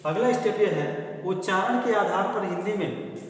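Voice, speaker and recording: A man's voice: sits high, normal speed. A man teaching a grammar lesson who asks questions and answers them himself, repeating key terms. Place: classroom or school hall. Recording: strong echo, long hall reverb.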